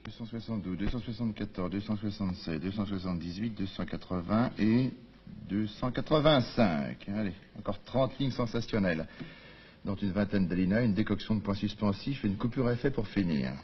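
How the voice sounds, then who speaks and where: An actor playing a harried writer and sardonic husband who grumbles and mutters to himself. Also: male voice, fairly low pitch, a little fast, natural voice. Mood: weary muttering. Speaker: actor in a stage comedy. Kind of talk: theatre acting. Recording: dull lo-fi sound with faint hiss.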